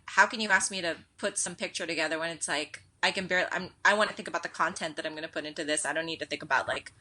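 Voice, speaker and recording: Bright, animated American woman. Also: sits low. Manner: animated storyteller, quick with fillers and quoted asides. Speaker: edtech director, podcast guest. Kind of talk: casual interview conversation.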